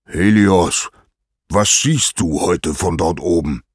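A man's voice: sits low, expressive, unhurried, breathy edge, dry recording, studio quality, full character voice. A man voicing Zeus as a mighty, grumpy old god-king suffering a headache, groaning and suspicious. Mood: irritable, aching.

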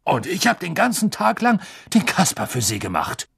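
A man's voice: lowish voice, huge pitch swings, takes it slowly, vocal fry, bright, forceful tone, breathy edge, heavily acted. A man doing a huffy, peevish minister. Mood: indignant. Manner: peevish, complaining. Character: huffy, indignant middle-aged male minister.

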